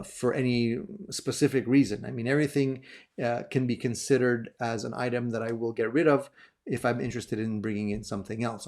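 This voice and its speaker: This host of a guitar gear channel, a man older than thirty, has a medium-pitched, somewhat mellow voice with vocal fry. He fields viewer questions on camera in a laid-back way, with many fillers and restarts.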